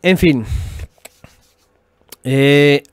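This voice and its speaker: A middle-aged man with a Mexican Spanish accent hosts a religious teaching stream, talking in a lively, teasing way and laughing with his viewers. His voice sits a little high for a man. The sound is close and dry, with no room echo. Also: very slow, gravelly. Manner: animated, mocking imitations of opponents, frequent tag questions; laughs often, joking with viewers. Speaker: religious podcast host. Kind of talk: live-streamed teaching talk with chat.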